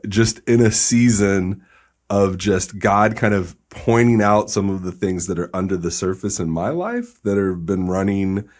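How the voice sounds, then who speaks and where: A man speaking as a podcast guest, relaxed and candid in casual conversation. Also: low-pitched. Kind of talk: casual interview chat.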